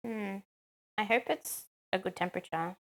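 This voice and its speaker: A woman's voice: mid-range voice, normal speed. A woman chatting casually on a live stream while she cooks at home, answering chat with lots of "um"s.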